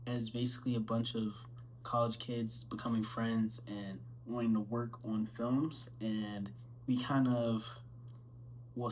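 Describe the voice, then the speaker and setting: A man's voice: medium pitch, darkish tone, slight background noise, poor audio. A twenty-two-year-old man, a film student, talking casually from his bedroom, rambling with fillers and self-corrections. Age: 20s.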